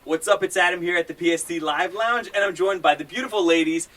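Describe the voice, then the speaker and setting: A man's voice: sits high, fast, fairly bright tone, recorded from a distance, faint music behind. A man hosting a radio interview in a casual, playful way, laughing often. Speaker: radio host. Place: radio station lounge.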